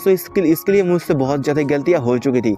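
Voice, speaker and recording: A man's voice: a little high, animated, quick pace, dark tone, soft background music, natural voice. A man voicing a timid, panicky young woman who pleads and apologizes, without changing his own voice much. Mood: apologetic. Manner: pleading, fearful, then apologetic.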